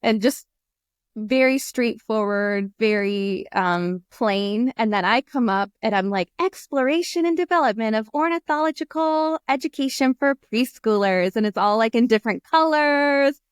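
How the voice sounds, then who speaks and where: An American woman in her thirties joins a video call as a guest for a casual interview chat, talking through an earphone headset in a small room indoors. She laughs often and uses lots of fillers. Her voice is fairly high and moderately paced, and the sound is clean, studio quality, with no echo.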